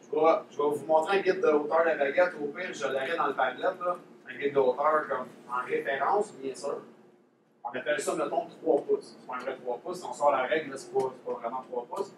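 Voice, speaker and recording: A drumline instructor with a Quebec French accent runs a technique workshop in a casual, hands-on way, repeating key points. His voice is a bit high and fairly quick. The recording is noisy and echoey, with the mic placed far away.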